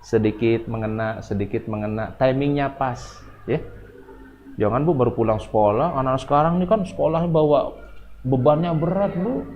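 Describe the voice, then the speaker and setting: Indonesian preacher rousing a women's study group. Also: male voice, dull audio, a little hiss or hum. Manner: addresses women listeners, asking them questions and answering himself; swings from soft and slow to loud and high for emphasis. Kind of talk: sermon.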